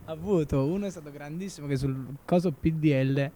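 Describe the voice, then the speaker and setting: A man's voice: a little high, a little fast, dark tone, a little hiss or hum. A male guest in casual comic chat, chuckling and rambling, his voice electronically altered to hide who he is. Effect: electronically altered voice to hide identity.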